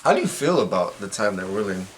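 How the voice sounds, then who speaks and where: A man's voice: on the low side, sing-song, quick pace, slight background noise. Profane joking man in his thirties. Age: 30s. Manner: loose, profane, joking, talks in bursts. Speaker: interviewer, son of the guest. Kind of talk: casual family interview.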